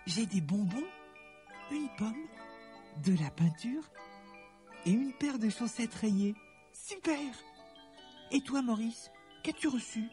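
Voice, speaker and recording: A woman voicing a bubbly young girl in a storybook audio drama, gushing with excitement. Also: a little high, slow pace, long pauses, soft background music. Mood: delighted.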